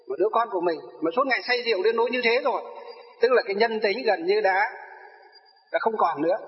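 Male storyteller, high-pitched and emphatic, echoing phrases for an audience; long reverb, dull lo-fi. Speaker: spiritual master telling his life story. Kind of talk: personal testimony to an audience.

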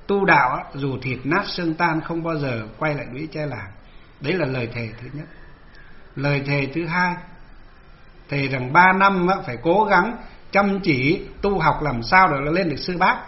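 A man's voice: fairly high pitch, muffled recording. A man who is a Buddhist monk from northern Vietnam, telling the story of his ordination in an earnest storytelling manner. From Hoa Binh, northern Vietnam.

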